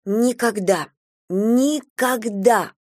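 A woman reading a story aloud, voicing a stubborn young girl who shouts back indignantly. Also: a little high, expressive, moderate pace, dry recording, studio quality, voice pushed up, lightly acted. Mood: vowing.

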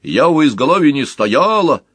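Man doing a cranky bickering baker lady, loud comebacks, high and lively. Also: moderate pace, husky, no echo, full character voice. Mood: indignant. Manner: retorting, indignant. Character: quarrelsome, sharp-tongued woman baker.

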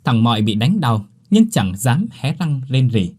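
Husky man narrating a ghost story. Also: medium pitch, a little slow. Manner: expressive storytelling. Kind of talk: scripted horror narration.

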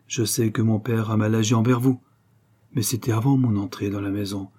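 A man reading the part of a composed young gentleman who speaks frankly and tries to make peace. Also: fairly low pitch, fairly even intonation, a little fast, breathy edge. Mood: earnest. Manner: frank and conciliatory.

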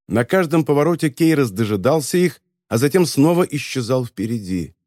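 A man's voice: medium pitch, darkish tone, no echo. Man narrating an audiobook, dry close sound. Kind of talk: scripted narration.

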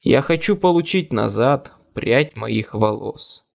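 A stubborn wizard detective in an audiobook, cornered and grim, as a male narrator plays him. He speaks slowly in a gravelly low voice, pressing hard for answers. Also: expressive. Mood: insistent.

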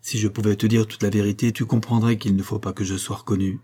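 A man's voice: fairly low pitch, flat delivery, fast talker, warm tone, husky. A man voicing a troubled, secretive male painter who speaks in a subdued, hesitant way.

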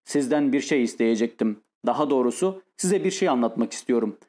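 A man voicing a tormented, lonely, nervous man who speaks in a halting, pained way in an audiobook. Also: mid-range voice, expressive, a little mellow, lightly acted. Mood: desperate.

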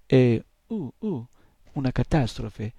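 A man's voice: mid-range voice, sing-song, slow, creaky, mellow, slightly rough, dry recording, heavily acted. A man voicing a small male nightmare imp who whimpers and stammers in dismay. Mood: whimpering dismay. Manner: whiny, stammering "uh, uh".

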